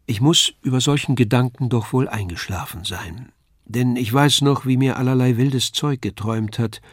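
Brief: older male narrator, steady literary reading, dry close recording. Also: mid-range voice, husky, no room sound. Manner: measured, even storytelling. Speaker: audiobook narrator.

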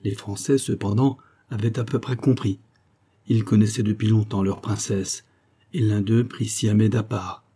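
A man reading a literary novel aloud in a measured, expressive narration. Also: lowish voice, slightly rough. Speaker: audiobook narrator.

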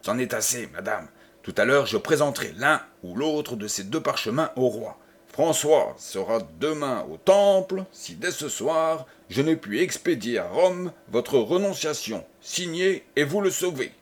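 Man reading as cold old nobleman, sinister calm, husky voice, slow. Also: medium pitch. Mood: coldly menacing. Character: cold, menacing old nobleman, constable of France.

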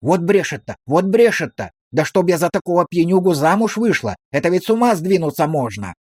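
A fawning village woman, as a male narrator puts her on, lamenting in a high, sing-song whine full of coaxing endearments. Her voice climbs well above the reader's own and stays there, pleading. It sounds close and dry, like a storybook read at the mic. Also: big pitch swings, a little fast, a little mellow, slightly rough, dry recording, heavily acted. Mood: indignant.

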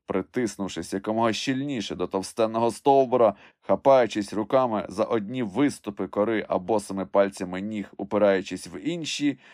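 A man reading an adventure story aloud as scripted narration, with expressive storytelling. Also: on the low side, brisk, few pauses, dry recording, studio quality. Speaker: audiobook reader.

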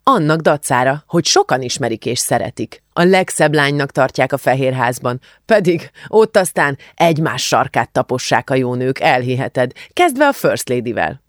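A man's voice: medium pitch, big pitch swings, few pauses, no echo, clean studio sound, close to an everyday voice. A man voicing a worldly, blunt young woman in an audiobook, talking in a matter-of-fact, confiding way. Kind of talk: audiobook character voice.

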